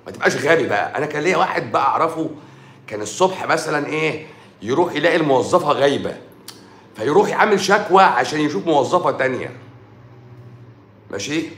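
Egyptian male doctor, rapid mocking livestream rant, echoey room sound. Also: on the high side, animated, a bit bright, a little hiss or hum. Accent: Egyptian Arabic. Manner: sarcastic, mocking, scolding. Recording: roomy echo.

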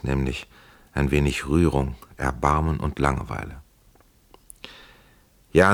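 A man narrating a historical audiobook in a measured, calm way. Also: extremely low pitch.

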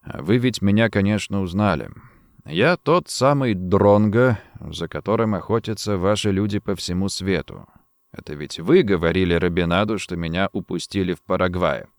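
A male narrator voicing a calm, cold detective who speaks slowly and softly with quiet menace. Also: low-pitched, no room sound, studio quality, pitched below the performer's own voice. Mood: cold threat. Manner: slow, soft and menacing.

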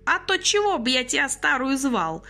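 A woman's voice: high-pitched, big pitch swings, moderate pace, vocal fry, sharp tone, faint music behind, voice pushed up, exaggerated voice. A woman reading an audiobook, voicing a kind, emotional old man who used to be a train conductor, with a fussy, exclamatory manner. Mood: jovial.

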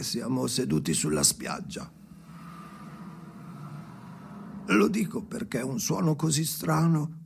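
An actor's exaggerated, gravelly, creaky voice sits on the high side as he plays Henry, a restless, haunted man talking to his dead father in an avant-garde radio drama monologue. Insistent and explaining, he is theatrical, halting and obsessive, moving from murmurs up to shouts.

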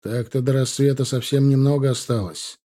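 A man voicing a young, steady ensign in an audiobook, giving brisk officer's orders. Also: medium pitch, natural voice. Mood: calm.

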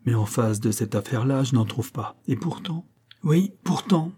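A man reading the part of a cheeky, shrewd young actor turned detective, in a wry, easy-going way and a dark, husky voice. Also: on the low side, steady tone, brisk.

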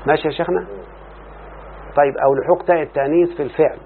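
Racing along in a fairly even, slightly high voice, a man with an Egyptian accent reads and explains a grammar text during an Arabic morphology lesson. He often stops to quiz his student on whether they follow, and the recording is tinny and lo-fi with faint hiss.

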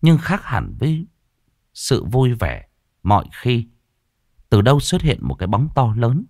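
A man narrating a ghost story in an expressive, dramatic way. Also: mid-range voice, unhurried, dry recording, studio quality.

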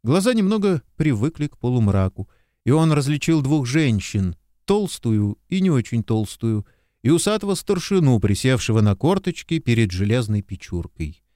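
A man narrating an audiobook in an expressive, measured storytelling voice, recorded close to the mic. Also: medium pitch, no echo. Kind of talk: scripted narration.

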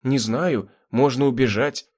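A man's voice: medium pitch, measured pace, darkish tone, husky. A man voicing a timid, apologetic young engineer in an audiobook. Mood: defensive. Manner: defensive, apologetic.

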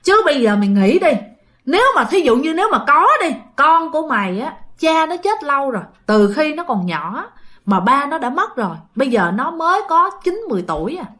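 A woman's voice: fairly high pitch, animated, brisk, pushed and bright. A woman voicing a blunt, superstitious friend who urges and hurries. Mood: urgent.

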